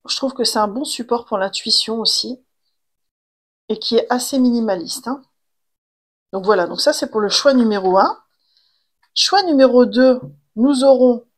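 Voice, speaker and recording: A woman doing a tarot reading to camera in a chatty way, full of fillers and restarts. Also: a little high. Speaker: tarot reader and coach.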